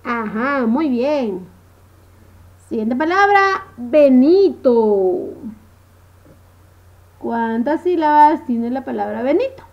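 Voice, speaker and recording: A woman teaching a first-grade phonics lesson to young children. She talks slowly in a sing-song way, stretches out words and keeps checking in with the class. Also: high voice, lively intonation, muffled recording. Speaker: primary school teacher.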